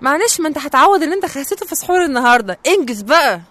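Egyptian woman, sassy teasing banter, slightly high voice, quick. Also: sing-song, fairly bright tone, no room sound. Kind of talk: comedic sketch dialogue.

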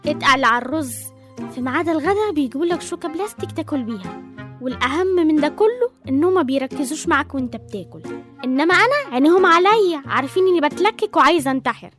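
A woman's voice: sits high, lively intonation, rapid-fire, a bit bright, faint music behind. An Egyptian-accented actress playing a gloomy, stubborn young woman patient. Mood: sulky.

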